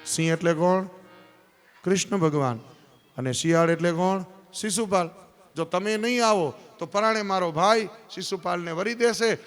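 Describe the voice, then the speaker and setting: A man's voice: sits high, moderate pace, smooth, soft background music. Resonant storyteller man in a hall. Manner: lively, shifts into character voices, addresses audience directly. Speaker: scripture storyteller. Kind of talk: devotional storytelling sermon. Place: large hall at a live religious event. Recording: long hall reverb.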